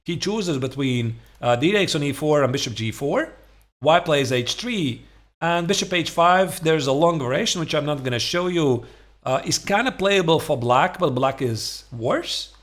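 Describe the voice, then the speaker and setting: A man's voice: a little high, lively intonation, moderate pace, a bit bright. A man in his forties giving conversational, emphatic chess instruction, talking through opening lines and checking in with rhetorical questions. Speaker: chess coach and streamer. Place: small home room, indoors.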